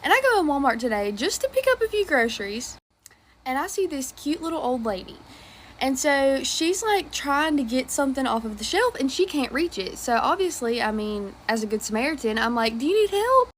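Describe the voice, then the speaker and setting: A woman's voice: high-pitched, very animated, a little hiss or hum. A woman of twenty, telling a casual story in a chatty, wry way. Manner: chatty, wry, drawn-out asides. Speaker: vlogger.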